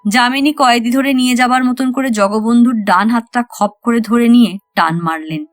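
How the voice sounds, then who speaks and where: A woman reads a short story aloud in a lively, expressive way, with her voice sitting a little high. The sound is close and dry, with soft music playing behind her. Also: normal speed, dry recording. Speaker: narrator. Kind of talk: audiobook story reading.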